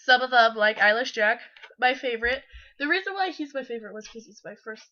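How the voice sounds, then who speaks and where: A woman with a stuffy, congested nose from being sick hosts a mock-dramatic reading, giggling as she goes. Her voice is bright and fairly high. The home recording sounds muffled and lo-fi. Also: a little fast. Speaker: channel host. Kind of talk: dramatic comic story reading.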